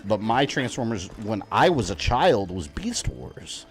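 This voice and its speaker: A man's voice: lowish voice, big pitch swings, measured pace, soft background music. A man in his thirties chatting casually as a live streamer, fannish and rambling while he plays. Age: 30s.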